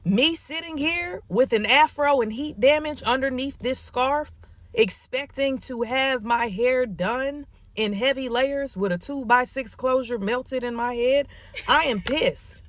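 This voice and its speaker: A woman with a fairly high voice airs a complaint in casual social media style. She is annoyed and takes her time, stressing her points. The sound is very dry. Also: no room sound. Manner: deliberate, emphatic, annoyed. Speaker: salon client.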